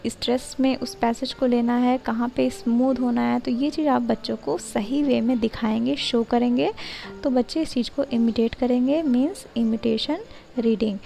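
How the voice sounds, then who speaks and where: A young Indian woman with an Indian accent presenting a tutorial, explaining steadily and reading English lines slowly and deliberately. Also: high voice, gravelly, mellow, rough recording. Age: young adult. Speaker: education channel presenter. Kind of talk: explanatory tutorial voice-over, Hindi mixed with English.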